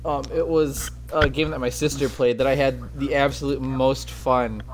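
A male game streamer rambles in casual chat, swearing freely and poking fun at himself. His pitch sits in an ordinary middle range. A steady hiss of background noise runs under the recording. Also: moderate pace. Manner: profane, rambling, self-mocking.

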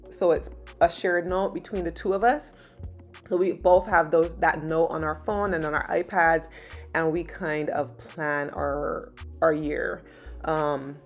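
A lifestyle vlogger from Barbados in her thirties narrates a casual vlog voice-over in a low, easygoing voice, with soft music faint in the background. She's relaxed and chatty, pausing often with "um."

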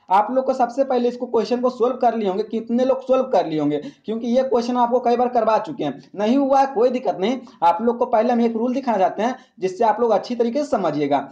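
Male grammar tutor, warm low-toned delivery, slightly dull lo-fi recording, rhetorical question-and-answer teaching style. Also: animated, quick pace. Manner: repeats questions to the class, then answers them; calls listeners "friends" often. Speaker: English teacher. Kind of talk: exam-prep grammar lesson.

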